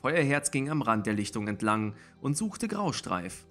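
A man reading a story aloud in a steady, expressive narration. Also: mid-range voice, a little slow, faint music behind. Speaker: audiobook reader.

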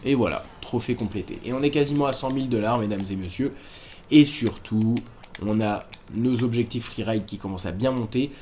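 A man's voice: mid-range voice, brisk, a little mellow, lo-fi sound, soft background music. A man hosting a game walkthrough, talking casually and correcting himself as he explains moves to viewers. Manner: chatty, self-correcting, addresses viewers directly. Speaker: gaming walkthrough host.

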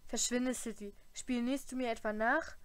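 A woman's voice: on the high side, fairly even intonation, moderate pace, clear, resonant tone, close to an everyday voice. A woman voicing a catty, snobbish teenage schoolgirl in an audiobook, with a sneering, hissing delivery. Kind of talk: audiobook character voice.

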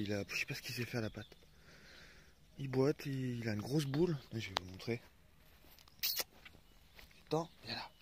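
A man's voice: mid-range voice, noisy background. A man chatting casually in a vlog, swearing freely and cooing at his dogs while filming outdoors on a phone. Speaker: vlogger.

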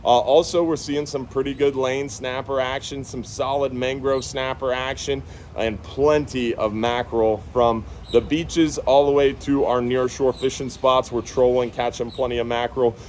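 A man in his thirties hosts a casual marina fishing report outdoors on a sunny beach by a bridge, holding a phone camera at arm's length. His mid-range voice is a little mellow, with little pitch movement and a moderate pace. He sounds upbeat and repeats words for emphasis, with slight background noise.

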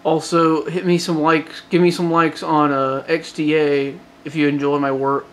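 A hobbyist phone modder records a casual vlog update late at night, his light Georgia Southern accent coming through as he rambles, restarts, and uses lots of fillers. His pitch is on the high side, his tone level and fairly bright, his pace moderate.

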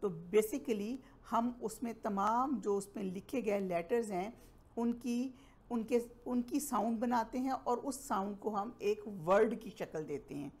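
A woman teacher giving a classroom-style lesson, spelling out words letter by letter and reading English sentences slowly and deliberately. She is from Pakistan. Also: on the high side, a little mellow.

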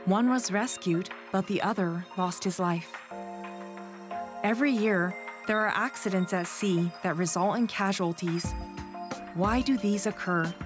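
A woman with a medium-pitched voice delivers calm, measured scripted narration for a documentary. Her voice-over sits on a bed of music.

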